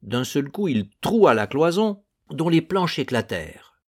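A man narrating a literary novel in a measured, deliberate reading. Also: on the high side, sing-song, a little mellow, slightly rough. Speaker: audiobook narrator.

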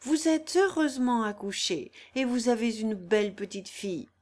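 A woman's voice: a little high, lively intonation, moderate pace, a little mellow. A woman voicing a simple, kind-hearted maidservant who speaks in a soothing way.

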